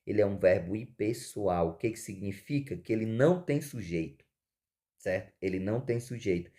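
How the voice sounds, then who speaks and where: Man, teacher, exam walkthrough, warm mellow tone, repeats key words, asks and answers his own questions. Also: fairly low pitch, moderate pace.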